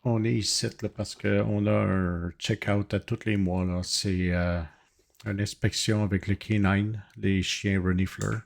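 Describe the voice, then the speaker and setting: Man playing a low-voiced, halting official. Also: level tone, gravelly. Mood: hesitant, explaining. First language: not French. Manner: halting, formal, hesitant. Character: formal, hesitant hospital security official, male. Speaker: hospital official or inspector. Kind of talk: improvised role-play.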